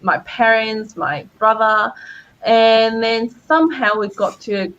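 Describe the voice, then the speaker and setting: A woman's voice: fairly high pitch, takes it slowly, a bit bright. A woman answering audience questions as a guest speaker on a live stream, cheerful, laughing often and using many fillers. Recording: dull lo-fi stream audio.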